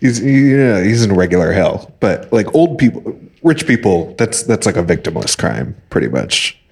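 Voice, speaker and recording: A man's voice: on the low side, very animated, moderate pace, darkish tone, husky. A man co-hosting a podcast, making wry, joking comments in casual chat. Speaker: podcast co-host.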